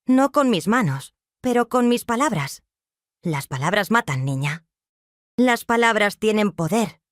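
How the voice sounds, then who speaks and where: A woman's voice: mid-range voice, animated, measured pace, dry recording, clean studio sound, close to an everyday voice. A woman reading the lines of a grief-stricken widowed mother, confessing in a trembling, sobbing voice. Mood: despairing.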